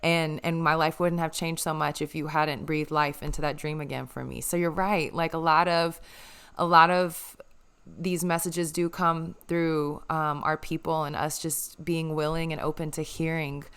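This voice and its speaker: A young woman hosts a casual podcast chat, earnest and moved, with a lower voice. Her tone is bright and crisp, with very clean, smooth articulation. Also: level tone, normal speed. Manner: emotional, earnest, grateful. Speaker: podcast host.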